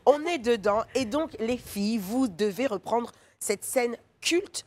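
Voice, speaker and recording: A woman hosting a lively studio game segment in a playful, laughing way. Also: fairly high pitch, unhurried. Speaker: TV show host.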